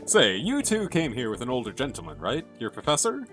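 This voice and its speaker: Game detective, friendly and encouraging, lively swooping delivery, read by a male player, light music behind. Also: medium pitch, a little fast. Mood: chatty. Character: friendly detective on a train investigation. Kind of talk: video game character voice.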